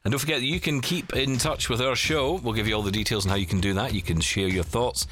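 A man from Scotland in his forties hosts a podcast, fast-talking and jokey as he rambles through a casual chat. His mid-range voice has a fairly bright tone, and a little hiss or hum sits under the recording.

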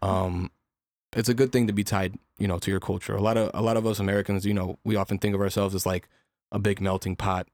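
A man's voice: fairly low pitch, quick pace, dry recording. A young man hosting a casual podcast chat, asking loose, rambling questions. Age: young adult. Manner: relaxed, probing questions, loose rambling phrasing. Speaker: podcast host.

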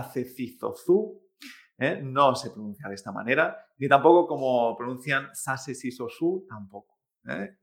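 A man's voice: fairly high pitch, a bit bright. Upbeat male Chinese pronunciation teacher. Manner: patient, demonstrates sounds repeatedly, checks with "¿eh?" and "¿vale?". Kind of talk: online language lesson.

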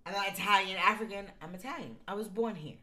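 A woman's voice: mid-range voice, quick pace, sharp tone. A woman co-hosting a podcast, chatting casually and telling stories with emphasis. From United States. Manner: emphatic, storytelling. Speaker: podcast co-host.

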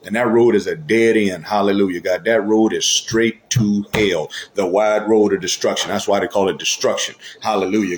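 Lower-voiced man preaching a casual sermon. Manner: repeats "hallelujah, God" between phrases; colloquial, conversational preaching with rhetorical questions. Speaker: elder preaching. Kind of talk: informal sermon.

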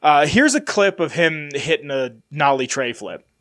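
Stuffed up with a sinus infection, a podcast host rambles loosely and chattily through a casual solo episode. His voice is on the high side, expressive, and moderately paced.

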